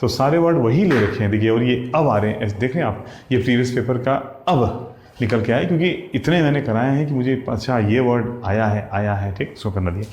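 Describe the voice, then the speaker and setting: A man's voice: medium pitch, fairly quick, a little mellow, slight background noise. Man, English teacher, exam vocabulary lesson, spells words out, checks in constantly, echoey room, faint background ambience. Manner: explains word by word, spells letters, keeps checking with "ठीक?"; addresses students as "साथियों" and "भैया".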